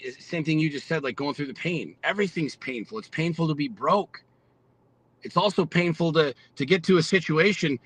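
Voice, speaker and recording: A man's voice: fairly high pitch, pushed and bright, rough recording. A man in his forties, a podcast guest, talking bluntly and with lots of profanity in a fired-up, motivational way. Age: 40s. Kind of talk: casual podcast conversation.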